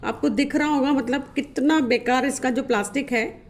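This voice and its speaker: A woman's voice: high voice, normal speed, roomy sound, slight background noise. A woman vlogging casually to camera, chatty and full of fillers, complaining about the poor quality of the items she shows. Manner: showing items while talking. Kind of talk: casual vlog talk to camera.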